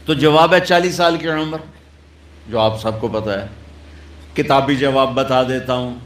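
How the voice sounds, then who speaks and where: ایک مرد واعظ جو ڈرامائی انداز میں قصہ سناتا ہے اور بیچ میں آہستہ عربی تلاوت کرتا ہے، لاؤڈ اسپیکر والے ہال میں۔. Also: male voice, mid-range voice. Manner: dramatic storytelling, breaks into slow Arabic recitation. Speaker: preacher. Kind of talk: sermon. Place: hall with loudspeaker. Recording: echoey hall through loudspeaker.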